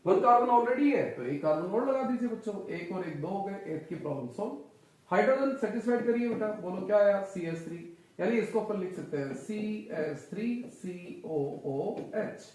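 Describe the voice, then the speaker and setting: A man's voice: high-pitched, expressive, normal speed, darkish tone, recorded from a distance. A man teaching a chemistry lecture, quizzing his students with repeated questions and calling them children. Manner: calls students "children" and "son". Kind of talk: classroom lecture. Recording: very echoey room, voice off-mic.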